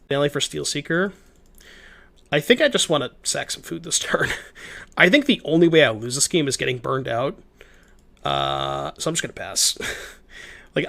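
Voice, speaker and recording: A young man streams a card game and chats casually with his viewers, his voice stuffed up and a little shot. It sits on the high side, creaky and sharp-toned, as he thinks aloud, reads chat and restarts often while commenting on gameplay.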